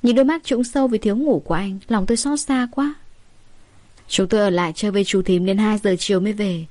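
A woman's voice: medium pitch, fast, no echo. Dry-voiced woman storyteller. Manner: lively, conversational storytelling. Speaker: audiobook narrator. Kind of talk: first-person story narration.

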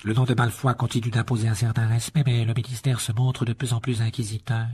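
A man's voice: medium pitch, level tone, fast talker, mellow, breathy edge, close to an everyday voice. A man playing a cold, haughty aristocrat. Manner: cold, clipped and condescending.

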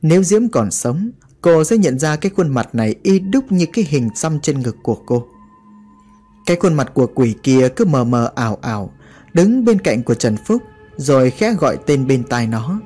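A man's voice: a little high, warm tone, slightly rough. A man narrating a horror story in a dramatic, vivid way.

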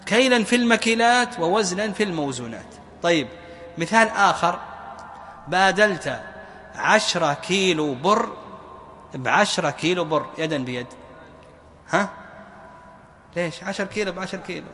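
A man teaching a classroom lesson on religious law, quizzing his students with repeated questions and drawing key words out slowly. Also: high-pitched, lively intonation, pushed and bright, long reverb tail, a little hiss or hum. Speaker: Islamic jurisprudence teacher.

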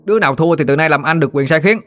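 A man's voice: a little high, racing, a bit bright, pitched above the performer's own voice, close to an everyday voice. A man voicing a burly, boastful boy bully who taunts and swaggers. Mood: taunting.

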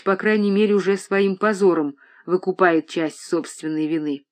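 A reader voicing a young daughter in an audiobook, speaking quietly, tenderly and firmly. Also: mid-range voice, lightly acted. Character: young daughter, calm, gentle and resolute. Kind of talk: audiobook reading.

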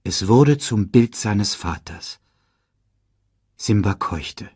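A male narrator reading a children's story slowly and expressively. His slightly low voice is husky, with a lively rise and fall, and sounds close and dry. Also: no echo. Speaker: audiobook narrator.

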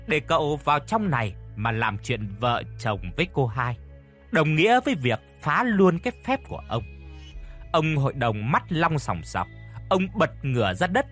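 Expressive male audiobook narrator. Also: slightly rough. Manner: expressive storytelling, lively pitch.

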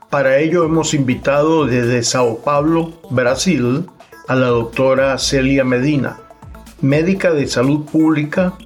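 A man hosting a radio podcast, reading prepared introductions and questions in a formal tone. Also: medium pitch. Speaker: podcast host.

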